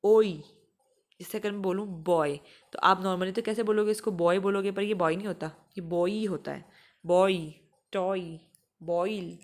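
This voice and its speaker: A young woman teaching exam students, explaining and slowly repeating example words. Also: mid-range voice. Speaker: English teacher for exam prep. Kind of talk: explanatory lesson.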